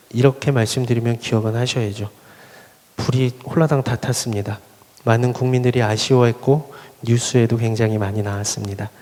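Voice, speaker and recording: Man, pastor, sermon, earnest storytelling, impassioned swells, medium-pitched voice, long church-hall reverb. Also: a little mellow. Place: church sanctuary at a Friday worship service.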